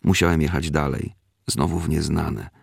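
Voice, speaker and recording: A man reading a first-person memoir aloud in a measured, steady storytelling manner. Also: a bass voice, gravelly, husky, dry recording, studio quality.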